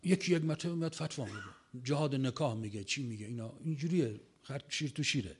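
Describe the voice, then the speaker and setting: A man's voice: medium pitch, expressive, slight background noise. A man telling an audience about a long conversation, acting out the quoted lines as he retells them.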